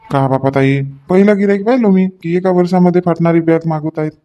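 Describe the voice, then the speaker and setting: A man playing a chatty shopkeeper in a comedy sketch, joking with customers while pitching his goods. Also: a little fast, warm tone, soft background music. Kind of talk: comic sketch acting.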